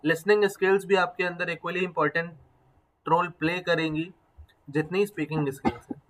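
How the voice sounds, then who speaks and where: A man with a fairly high voice gives a classroom lecture. He explains step by step, mixing English phrases into his talk. He stops often to put questions to his students. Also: a bit bright, rough recording. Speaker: teacher.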